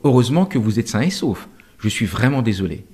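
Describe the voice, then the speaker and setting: A man voicing a shrewd army general who talks in a measured, conciliatory way. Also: on the low side, animated, mellow, lightly acted.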